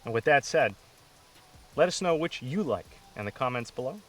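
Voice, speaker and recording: A man's voice: medium pitch, lively intonation, moderate pace. A man co-hosting a casual gun review, speaking outdoors at a range. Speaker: co-host of firearms review. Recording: distant mic, faint outdoor noise.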